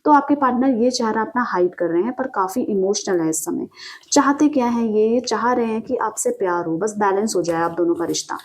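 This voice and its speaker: A tarot reader speaks straight to the listener in a steady, mid-pitched, brisk voice during a direct-to-camera reading. She explains reassuringly, asks questions and answers them herself, and sprinkles in many small fillers.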